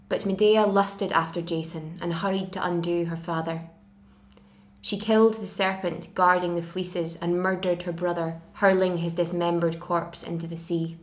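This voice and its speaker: Woman, 21, Glasgow accent, lowish voice, careful reading-aloud delivery. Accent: Glasgow Scottish. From Scotland. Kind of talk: reading a passage aloud, then casual self-introduction.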